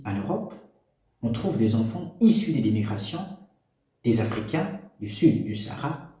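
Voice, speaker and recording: His voice is mid-range and warm as this commentator from DR Congo, native speaker of a Congolese national language, addresses parents in an opinion monologue to camera. The room echoes, and his style is preachy and exhorting, packed with rhetorical questions.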